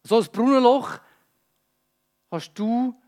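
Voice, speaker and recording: High-voiced man preaching with emotion. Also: takes it slowly. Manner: emotive, dynamic delivery moving between urgent and hushed; speaks directly to listeners. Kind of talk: sermon.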